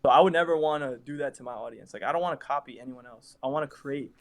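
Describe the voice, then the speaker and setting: Young dude talking straight, mid-pitch, hammers his point, says it twice. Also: fast. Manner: blunt, emphatic, repeats himself for stress. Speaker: content creator. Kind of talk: casual chat.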